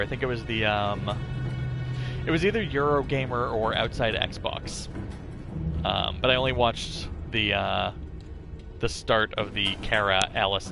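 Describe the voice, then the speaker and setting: Over background music, a man with a gravelly, medium-pitched voice casually commentates his live game stream, chatting away and thinking aloud while he plays.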